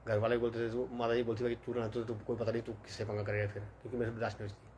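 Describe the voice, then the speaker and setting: A man's voice: mid-range voice, completely flat delivery, rapid-fire, darkish tone, a little hiss or hum. Man telling a rambling story. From Himachal Pradesh, India. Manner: rambling, many fillers and quoted dialogue. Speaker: vlogger. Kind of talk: casual storytelling monologue.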